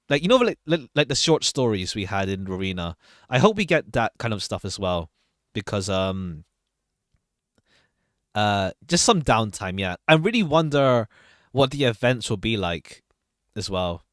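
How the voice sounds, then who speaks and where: A man's voice: on the low side, very animated, a little slow, long pauses, a bit bright, no echo, clean studio sound. A man giving casual livestream commentary as a streamer, chatty and hesitant as he thinks aloud. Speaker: streamer reacting to game trailers.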